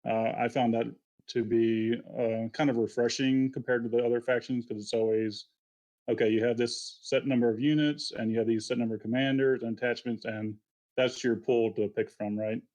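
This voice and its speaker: A man's voice: medium pitch, darkish tone. A man, explaining methodically step by step in a casual interview. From Alabama, US.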